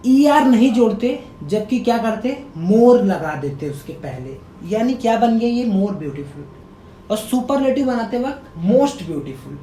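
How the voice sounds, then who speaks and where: A male teacher giving a grammar lesson, quizzing his viewers by repeating key words as questions and sounding words out slowly. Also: warm tone. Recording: echoey room with faint rumble.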